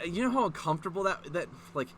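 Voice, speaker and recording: Here a man with a fairly bright, higher-leaning voice mocks a piece of fan fiction as he reads it for his online video audience. He keeps interrupting himself with incredulous, profane asides, and there's a touch of background noise.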